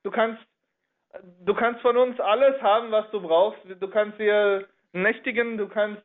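A man with a high voice tells a religious history story. He speaks haltingly and keeps reshaping his sentences partway through. The sound is narrow and tinny, like a phone line. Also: steady tone. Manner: halting, reworks sentences mid-flow.

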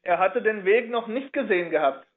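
A high-voiced man animatedly tells a story from religious history, speaking haltingly and reworking his sentences mid-flow. The audio is narrow and tinny, like a phone line.

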